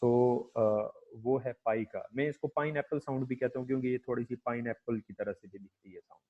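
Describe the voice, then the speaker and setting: A man giving a phonetics lecture, hesitant, filling pauses with "okay" and slowly demonstrating sounds. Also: medium pitch. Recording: muffled lo-fi recording.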